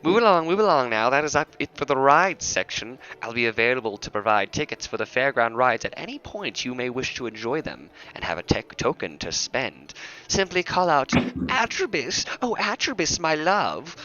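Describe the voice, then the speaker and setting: Grand, self-announcing skeleton carnival guide played by a man, bright and forceful, swinging his pitch wide; muffled lo-fi, faint music behind. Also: sing-song, normal speed. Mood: theatrical. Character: lanky male skeleton carnival guide, theatrical showman.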